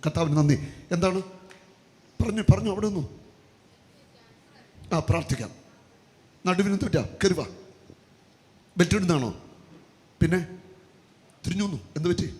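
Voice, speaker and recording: A man's voice: sits high, moderate pace, long pauses, darkish tone. A man leading a charismatic healing service from the altar, giving commands and repeating prayer lines in a chant. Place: church retreat hall at the altar. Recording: echoey hall with faint noise.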